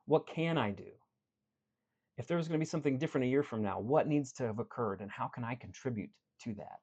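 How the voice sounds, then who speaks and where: A man in the role of a life coach talks straight to his listeners in an earnest motivational style. He swings between animated stretches and quieter ones while he tells a story. His voice sits at an ordinary middle pitch, and the recording sounds a little dull and lo-fi. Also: fast talker, husky.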